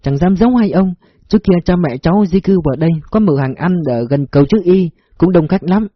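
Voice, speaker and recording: A man reading a story, voicing a humble, polite poor woman who sells food; husky and dry. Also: high voice, lively intonation, fairly quick, no echo, lo-fi sound, pitched above the performer's own voice. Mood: deferential. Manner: deferential, polite.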